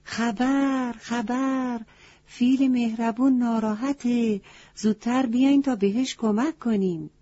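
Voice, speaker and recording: An eager, helpful male crow from a children's storybook, calling out in a raised, quick voice as a woman acts him out. The sound is dull and muffled, with a husky edge. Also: on the high side, steady tone, warm tone, voice pushed up, close to an everyday voice. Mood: urgent.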